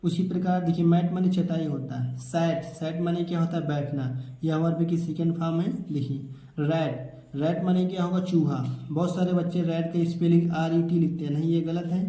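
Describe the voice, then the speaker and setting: A man explains English spelling rules to children in a patient classroom style. He keeps asking a question and answering it himself. His voice is very dark and mellow, a little higher than most men's, and it sounds echoey, as if recorded in a bare room. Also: fairly even intonation, normal speed. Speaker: English teacher.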